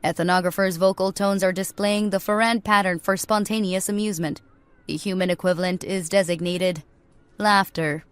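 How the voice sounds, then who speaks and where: Deadpan robot drone guy, a lady reading it, flat clipped reports, dry close sound. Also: medium pitch, normal speed, smooth, no room sound, lightly acted.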